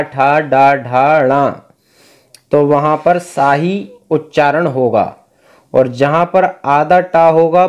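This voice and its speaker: Slow, clear man teaching chant. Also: a little high, darkish tone. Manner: slow, drawn-out chanting between explanations. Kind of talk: recitation lesson.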